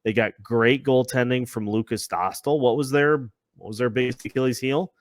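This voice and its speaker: A man hosts a sports podcast conversationally, his mid-range voice at a moderate pace, repeating phrases as he builds his points. The studio-quality recording has no echo, and the intro sounds scripted.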